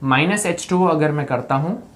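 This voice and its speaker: A man's voice: a little high, moderate pace. Guy teaching chem online, keeps asking the kids stuff, goofy memory tricks. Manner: keeps quizzing students with repeated questions and jokey memory tricks. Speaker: chemistry teacher. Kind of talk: live online lecture mixing Hindi and English.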